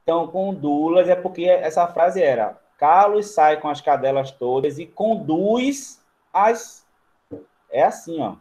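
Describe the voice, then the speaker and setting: A Brazilian man teaching grammar to a class in a slightly high voice. He works through each step while writing on a board. He keeps turning to the students to check that they follow. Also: expressive, measured pace, a little mellow. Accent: Brazilian Portuguese. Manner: writes on a board while talking. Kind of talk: grammar lesson.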